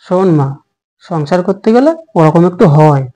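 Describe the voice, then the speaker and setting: A man playing a calm middle-aged father who advises his daughter in a comic home drama. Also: high-pitched, normal speed. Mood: reassuring.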